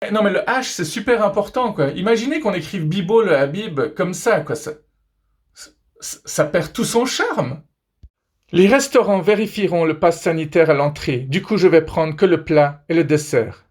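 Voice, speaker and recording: Guy cracking jokes over funny pics, bit high voice, teasing and chatty. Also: expressive, normal speed. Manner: playful, teasing, chatty asides. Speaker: comedy video host. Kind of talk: joking commentary on pictures.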